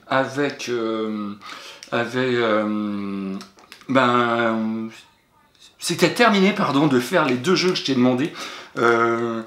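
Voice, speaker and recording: A man's voice: medium pitch, fairly bright tone, slight background noise. A man teaching young pupils, correcting exercises patiently, spelling words letter by letter and praising the child. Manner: addresses the child directly and familiarly. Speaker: primary school teacher. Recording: roomy echoey recording.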